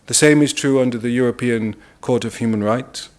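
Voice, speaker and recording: A man with a British accent giving a formal legal presentation, measured and deliberate, stressing key words. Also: mid-range voice, darkish tone. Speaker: international lawyer speaking at a press briefing.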